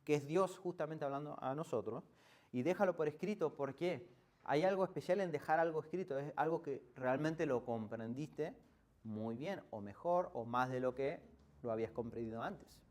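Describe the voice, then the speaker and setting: Man, Argentine accent, pastor, conversational sermon, rhetorical questions, somewhat high voice. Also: normal speed, darkish tone. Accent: Argentine Spanish. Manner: hesitant restarts while explaining. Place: church.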